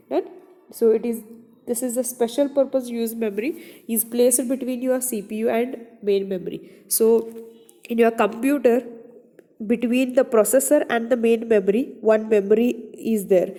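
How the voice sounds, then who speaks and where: A woman's voice: fairly high pitch, steady tone, normal speed, mellow. A woman teaching computer science in a classroom lecture, often checking with the students. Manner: repeats "your" and "done?" as she checks on students. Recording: echoey room reverb.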